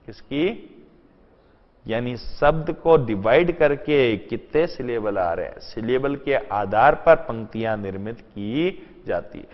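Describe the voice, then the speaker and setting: A man teaching an exam-prep lesson, asking rhetorical questions and answering them himself, mixing in English terms. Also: medium pitch. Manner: mixes in English terms and sentences. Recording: dull lo-fi sound in a long-reverb room.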